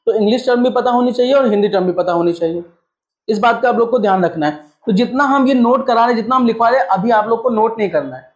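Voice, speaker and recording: A man's voice: very high-pitched, lively intonation, quick pace. A man teaching a lesson, asking questions and answering them himself, mixing English terms into his talk. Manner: mixes English terms into Hindi. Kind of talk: classroom-style lecture. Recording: echoey room, slightly dull sound.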